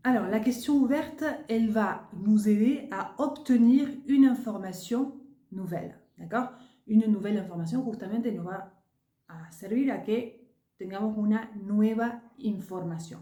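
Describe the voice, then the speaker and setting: A woman's voice: medium pitch, normal speed, warm tone. A woman teaching French grammar in a lesson, explaining patiently and repeating example questions with rising intonation. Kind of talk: language lesson switching between French and Spanish. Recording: echoey room.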